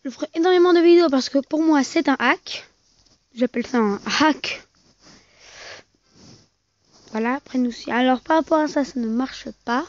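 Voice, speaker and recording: This high-pitched voice belongs to a gaming video host offering loose, stop-start commentary on a mobile game. Phrases get repeated and corrected, and the amateur recording sounds muffled.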